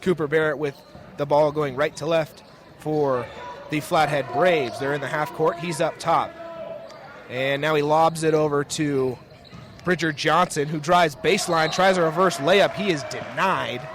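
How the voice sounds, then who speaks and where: With a fairly high, unhurried voice, a young adult man does live radio play-by-play for a basketball game in a school gym. Behind him, the courtside recording carries clear gym ambience and the thump of bouncing basketballs.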